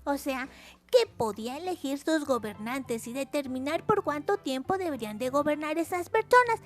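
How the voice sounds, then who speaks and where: Very high, sing-song woman teaching children. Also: animated, moderate pace. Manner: repeats words for emphasis, chatty explanations. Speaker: educational video channel host. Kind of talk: simple history lesson addressed to children.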